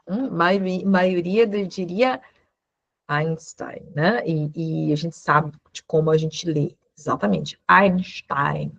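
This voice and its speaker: A woman's voice: lowish voice, slow, vocal fry, dry recording, muffled recording. A woman teaching an online lesson, explaining patiently and checking in with short questions. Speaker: law teacher giving a German course.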